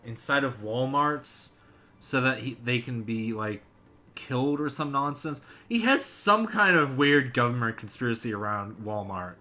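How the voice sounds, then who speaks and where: A man's voice: mid-range voice, bright, forceful tone. A man co-hosting a casual podcast, rambling and swearing while reading news articles aloud. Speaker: podcast co-host.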